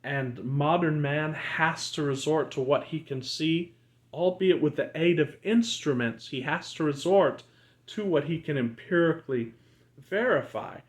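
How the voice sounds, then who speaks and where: A man teaching breathwork and spirituality as a channel host, speaking in a slow, deliberate guru manner with pauses between short phrases. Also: on the high side. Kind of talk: guided breathwork and spiritual talk.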